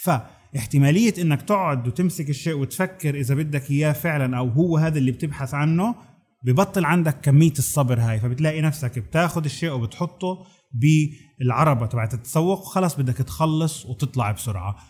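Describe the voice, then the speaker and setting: A man's voice: a little high, quick pace, darkish tone. A man with a Levantine Arabic accent presenting a conversational explainer, addressing the listener directly with rhetorical questions. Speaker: video presenter.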